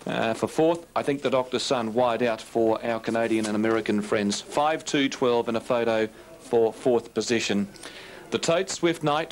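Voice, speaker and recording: An Australian man calling a horse race, listing the runners in a rapid, rhythmic patter and then reading out the results and payouts. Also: poor audio. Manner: rapid, rhythmic listing of runners, rising in pitch toward the finish. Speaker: race caller.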